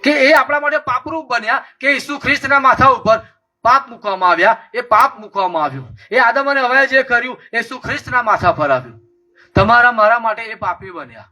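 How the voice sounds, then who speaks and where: Male preacher, high and bright, repeating lines with rising fervor, faint music bed. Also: a little fast. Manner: impassioned, repetitive preaching cadence. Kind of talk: sermon.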